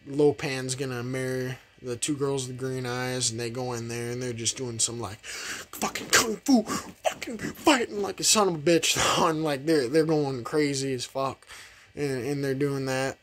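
A man's voice: medium pitch, normal speed, a little hiss or hum. A young man reviewing a film in a casual, rambling way, swearing a lot, filling gaps with "like", and laughing as he goes. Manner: rambling, profane, heavy use of fillers; laughs often while talking. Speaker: movie reviewer.

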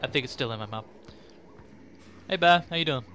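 A man's voice: medium pitch, animated, brisk, sharp tone, a little hiss or hum. A man casually commenting on his gameplay, often laughing and making mock-exasperated asides. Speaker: let's play gamer.

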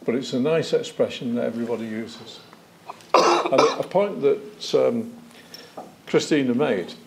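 This older man, formerly a police chief, recounts stories as a witness in a lecture-theatre evidence session, seated at a desk and gesturing with his hands. His medium-pitched voice has a creaky quality, with a little noise in the background.

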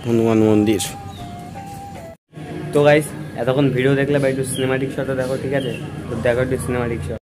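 Music plays in the background as a young male vlogger, filming on a handheld phone, wanders a temple garden outside. His tone is steady and quick but broken by frequent pauses; he chats casually, repeats filler phrases, and occasionally lowers his voice almost to a hush.

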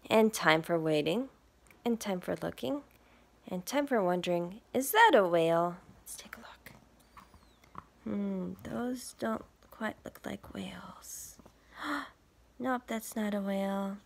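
With a medium-pitched voice and a slow pace, a woman reads aloud from a picture book to young children as a teacher might. She is expressive, poses questions, and drops now and then into hushed, breathy asides.

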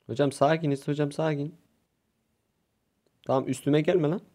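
A young man from Turkey giving excitable, swear-filled commentary over his own gameplay, shouting and yelping when things go wrong. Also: medium pitch. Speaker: gaming youtuber.

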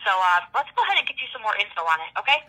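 A woman's recorded phone message playing over a phone speaker, reading an upbeat scripted sales pitch with filler ums. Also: big pitch swings, very fast, bright, forceful tone, low-quality recording. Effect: recorded phone message heard over a phone speaker.

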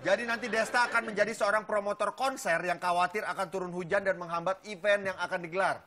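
A man's voice: high voice, fairly even intonation, fast talker, crowd noise. A man presenting a talk show segment, announcing and directing an improvised sketch. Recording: studio audience and noise.

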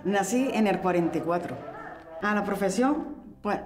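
A woman's voice: mid-range voice, animated, normal speed. Woman in her 70s, repeats herself, hunts for words, faint guitar behind. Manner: repetitive, searching for words. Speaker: interviewee, homemaker. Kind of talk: reminiscing interview. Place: living room at home.

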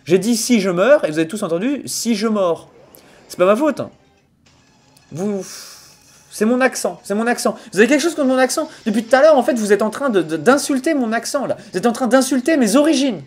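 A young man with a Sarthe French accent streams a video game from a small room at home, chatting to viewers on a headset mic. His extremely high voice moves fairly quickly, mixing mock-outraged rants with frequent laughter and bursts of loud excitement.

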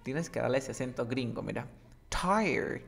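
A man teaching English with a gravelly, creaky voice. He talks at an unhurried pace, drawing each word out for the student. He coaxes and corrects, exaggerating English sounds. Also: mid-range voice, lively intonation. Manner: coaxing, drills words slowly and exaggerates English sounds. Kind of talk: casual English lesson with a student.

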